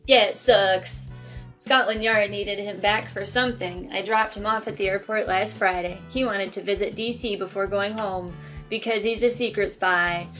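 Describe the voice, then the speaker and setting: A woman's voice: mid-range voice, fairly even intonation, normal speed, a bit bright, faint music behind, natural voice. A woman voicing a wry female detective. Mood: dry. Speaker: game player voicing a character.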